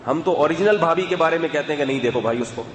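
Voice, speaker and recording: A man giving a sermon in a calm, conversational, explanatory way, with asides to his listeners. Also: a little high. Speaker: religious scholar. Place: mosque or hall with loudspeaker system. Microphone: loudspeaker microphone. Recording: echoey hall, faint background noise.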